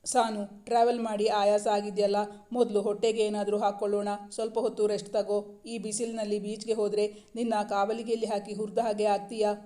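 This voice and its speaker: A woman's voice: mid-range voice, level tone, fairly quick, mellow, close to an everyday voice. Tender young husband, read by a woman. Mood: caring.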